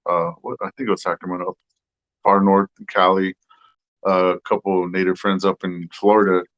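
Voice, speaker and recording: A man's voice: low-pitched, little pitch movement, brisk, a bit bright, no room sound. A man from the Tohono O'odham Nation, a guest musician chatting casually and swearing now and then. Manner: laid-back, swears casually. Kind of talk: casual chat. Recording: slightly dull, dry sound.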